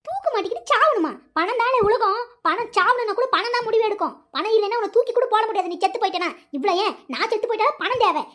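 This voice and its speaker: Someone voicing a domineering, money-minded cartoon mother who lectures her son. She scolds and bosses him in a very high-pitched voice at a quick clip. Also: expressive, a bit bright. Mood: scolding. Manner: scolding, bossy, colloquial. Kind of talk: cartoon voice acting.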